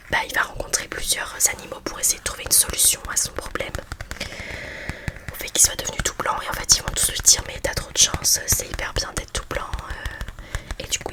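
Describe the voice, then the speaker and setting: Whispering woman, soft library-style ASMR. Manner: casual, hesitant, chatty. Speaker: ASMR host presenting children's books.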